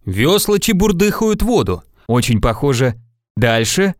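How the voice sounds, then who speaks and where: A man reading a storybook, voicing a calm, playful middle-aged father who speaks slowly and deliberately. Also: medium pitch, dry recording, clean studio sound. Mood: patient.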